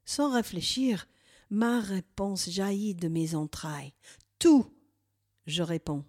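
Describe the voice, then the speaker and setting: A woman narrating a first-person guided meditative journey in a slow, hushed voice that sometimes drops to a whisper. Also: medium pitch. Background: faint music.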